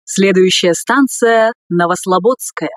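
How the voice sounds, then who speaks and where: A woman reading scripted subway announcements in a formal, measured way. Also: mid-range voice, dry recording, studio quality.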